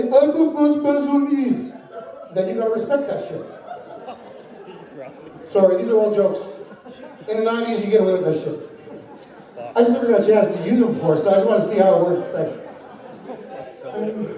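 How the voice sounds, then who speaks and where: A man's voice: sits high, moderate pace, pauses often, dark tone, a faint crowd. A middle-aged man doing rambling amateur stand-up storytelling at an open mic, hesitant and unrehearsed, often losing his thread. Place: echoey indoor open-mic venue. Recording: very echoey room, distant microphone, muffled.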